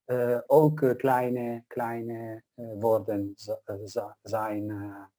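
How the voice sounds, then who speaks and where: A man hosting in casual chat, halting and searching for words. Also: medium pitch, little pitch movement, warm tone. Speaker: host.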